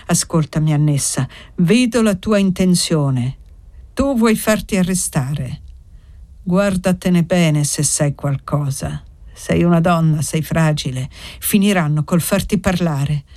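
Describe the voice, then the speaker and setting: A woman's voice: low voice, slow pace, darkish tone. A woman doing an anxious older village woman. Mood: cautioning.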